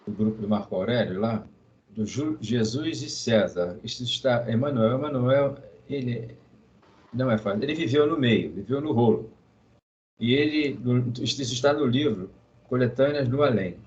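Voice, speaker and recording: Hesitant Brazilian man adding a quick comment. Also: medium pitch, a little mellow, highs cut off. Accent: Brazilian Portuguese. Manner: hesitant, halting. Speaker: study group member. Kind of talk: casual comment.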